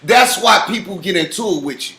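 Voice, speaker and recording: Heated male guest, bright tense tone, profane and insistent. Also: high voice, animated, brisk, vocal fry. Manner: profane, insistent, talks over the host. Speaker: interview guest. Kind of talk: heated argument. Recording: roomy studio echo.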